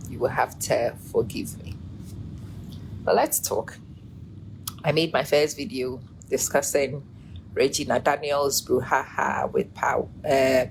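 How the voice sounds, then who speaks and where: A woman in her forties hosts a casual live stream, chatting, laughing often and greeting viewers by name, though her energy is running low. Her voice has vocal fry, and the rough recording carries a little hiss or hum.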